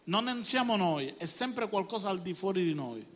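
A man preaching a Sunday sermon as pastor, swinging between quiet stretches and sudden loud bursts, often asking the congregation if they are with him. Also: sits high, animated, normal speed. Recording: hall reverb.

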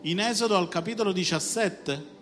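A man's voice: high voice, normal speed, fairly bright tone. A man preaching a sermon with passion, rising to emphatic call-and-response. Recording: reverberant hall with music behind. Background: music.

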